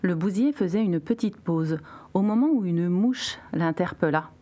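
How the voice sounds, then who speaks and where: A woman storyteller reading a children's story aloud in a measured way. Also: on the low side, expressive, dark tone. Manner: slow, measured.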